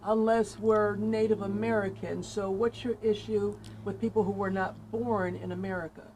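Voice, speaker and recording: A woman's voice: medium pitch, fairly even intonation, moderate pace, darkish tone, a little hiss or hum. A woman hosting a talk show, pressing her guest with probing questions and frequent restarts. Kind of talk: interviewing a guest.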